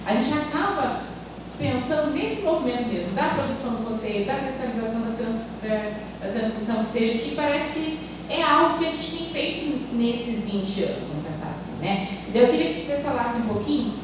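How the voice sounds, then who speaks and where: Brazilian woman posing a question at a panel, a bit high, kind of hesitant, distant mic with audible room noise. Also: expressive, fairly quick, very echoey. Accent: Brazilian Portuguese. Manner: tentative, circling questioning. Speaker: panel participant asking a question. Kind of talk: academic panel discussion. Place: university amphitheater.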